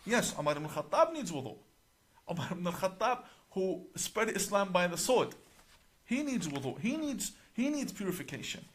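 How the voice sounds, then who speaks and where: Emphatic man, slightly high voice. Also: very animated, fairly bright tone, breathy edge. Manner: deliberate, emphatic, citing page by page. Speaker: religious cleric. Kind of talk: explanatory talk to camera.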